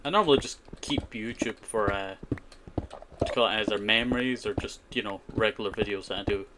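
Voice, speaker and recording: Speaking fairly quickly in a lowish voice, a man plays a survival game live and answers his chat in a rambling way. Fillers like "you know" and "I tell you" crop up constantly, with keyboard clicks, typing and background noise behind him.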